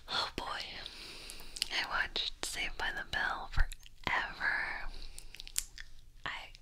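A woman whispers casual ASMR chat right into the listener's ear, left and right. Her whisper is crisp and very bright, and she takes her time, rambling playfully as she remembers things. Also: very slow. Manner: whispering close into the listener's ears, side to side. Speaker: ASMR video host. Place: small furnished room at home. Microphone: binaural microphone, very close.

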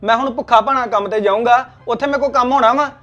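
A man's voice: extremely high pitch, quick pace, bright, forceful tone, muffled recording, soft background music. An actor playing a hot-tempered young husband who barks bossy commands at his wife. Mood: angry, bossy. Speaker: actor in a family skit.

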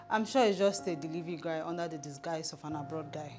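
A woman's voice: sits low, lightly acted. A woman with a Nigerian accent playing a pragmatic, scheming young friend in a film drama, casual in delivery. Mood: curious. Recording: music clearly under dialogue.

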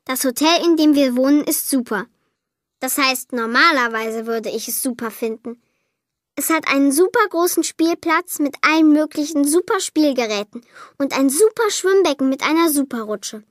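A woman reading a children's Christmas story aloud, lively and lightly voicing the girl and her parents. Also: high voice, normal speed, no room sound, studio quality. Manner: lively, voices the child, mother and father lightly.

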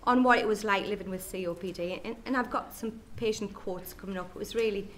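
A woman's voice: medium pitch, fairly quick, a little hiss or hum. A middle-aged woman with a Geordie accent, a nurse consultant giving a conference presentation with chatty, jokey asides to the audience. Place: lecture hall at an education day.

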